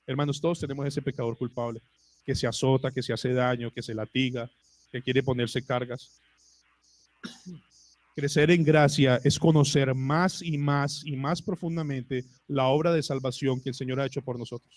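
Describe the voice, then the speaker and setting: A man's voice: mid-range voice, steady tone, moderate pace, dry recording. A male pastor with a Colombian Spanish accent preaching a sermon to his congregation, asking them rhetorical questions. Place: church.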